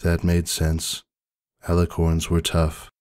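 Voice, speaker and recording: Very deep, flat-voiced male narrator. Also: slow pace, clear, resonant tone, dry recording, studio quality. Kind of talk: dramatic reading of fan fiction.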